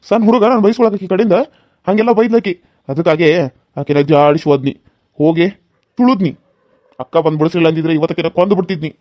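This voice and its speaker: A man's voice: high voice, no room sound, lo-fi sound, close to an everyday voice. A man voicing a hot-tempered young brother-in-law in a cartoon serial, defiant and boastful.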